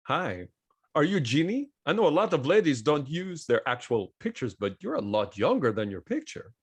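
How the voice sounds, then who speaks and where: A man's voice: on the high side, very animated, moderate pace, breathy edge, full character voice. An actor playing an earnest middle-aged man on a date, reading his lines with awkward, eager banter in a table read.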